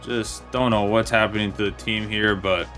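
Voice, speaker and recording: A young man giving casual play-by-play commentary on a football video game match, in a plain, steady way that turns let down when his side concedes. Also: on the low side, moderate pace, soft background music. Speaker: gaming commentator.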